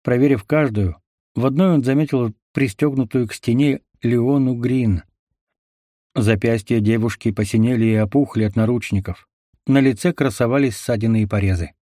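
A man narrating an action audiobook in a steady, measured way. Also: mid-range voice, dry recording, clean studio sound.

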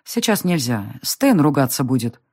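Woman reading as a kind homemaker, gentle, amused, wistful, lively rising and falling tone, storybook scene. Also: deep voice, moderate pace. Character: kind adult woman, curious and fond of children. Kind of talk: audiobook character voice.

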